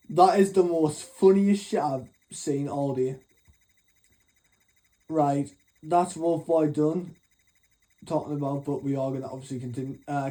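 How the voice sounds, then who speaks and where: A man's voice: a little high, warm tone. A young man telling a rambling, sweary storytime rant, sleepy after just waking up. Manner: rambling, swears freely, mocking. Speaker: channel host.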